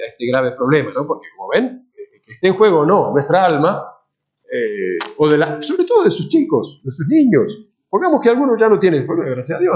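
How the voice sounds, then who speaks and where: Priest lecturing in lively, muffled tones. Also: male voice, fairly high pitch. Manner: conversational, many restarts and tag questions, emphatic on key words. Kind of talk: spoken moral lecture to a congregation. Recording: dull lo-fi lecture recording.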